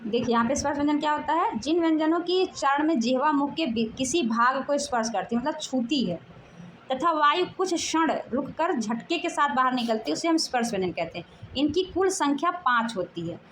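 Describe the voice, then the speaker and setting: Woman, teacher, high voice, classroom grammar lesson, drawn-out syllables, faint background noise. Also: expressive, a bit bright, rough recording. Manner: explanatory, drawn-out syllables, asks questions then answers. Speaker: Hindi teacher.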